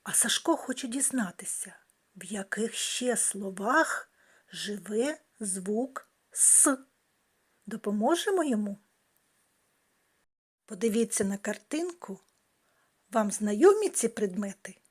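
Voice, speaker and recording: Slow, breathy kindergarten teacher woman. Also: medium pitch, animated. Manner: slow, careful, sing-song teacher talk. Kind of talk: speech lesson for young children.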